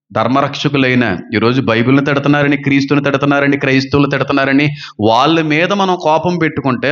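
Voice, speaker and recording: A man preaching a sermon as a pastor, fervent and full of rhetorical questions, swinging between loud and soft. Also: mid-range voice. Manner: says he talks fast and gives quick counters. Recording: dull lo-fi sound.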